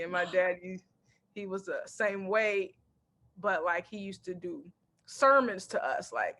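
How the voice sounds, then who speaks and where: A woman comedian from Texas, pitched at a medium level, keeps things relaxed in an interview conversation. She laughs frequently while recounting animated family stories and acting out what people said.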